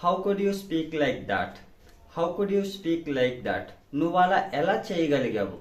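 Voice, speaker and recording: A man with a Telugu Indian accent teaching spoken English, saying each sentence quickly in Telugu and then repeating the English translation slowly and clearly. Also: a little high, sing-song, roomy sound. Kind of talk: language lesson, reading sentences.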